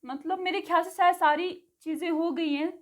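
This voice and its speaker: A woman giving a casual vocabulary lesson, repeating each word slowly, spelling it out letter by letter and checking in after each item. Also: very high-pitched, fairly even intonation. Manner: says "theek hai" after nearly every item. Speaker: spoken English teacher.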